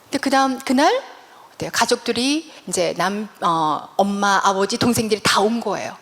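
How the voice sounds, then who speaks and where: A woman's voice: mid-range voice, animated, normal speed, fairly bright tone. A middle-aged woman giving a testimony sermon as a guest speaker, telling her story animatedly and acting out dialogue. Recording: church hall reverb.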